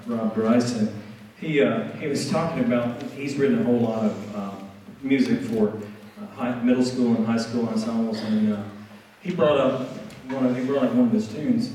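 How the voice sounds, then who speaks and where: A man's voice: medium pitch, steady tone, moderate pace, warm tone, slight background noise. A man from Alabama, a band director giving a rambling stage announcement full of fillers and restarts. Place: school auditorium. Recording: echoey hall from far off.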